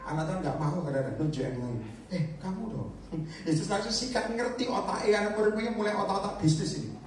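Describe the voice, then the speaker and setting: A man preaching a lively sermon, joking the congregation and acting out the voices of the people in his stories. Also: high-pitched, fast talker, a little hiss or hum. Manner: animated, jokes and asks the crowd to raise hands; acts out voices of disciples and believers. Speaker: evangelist preacher. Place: church or prayer meeting hall. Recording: echoey hall, recorded from far off.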